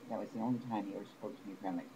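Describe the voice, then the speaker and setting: A man telling a long personal complaint to the camera, rambling and aggrieved, with halting restarts. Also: lowish voice, steady tone. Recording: noisy home recording.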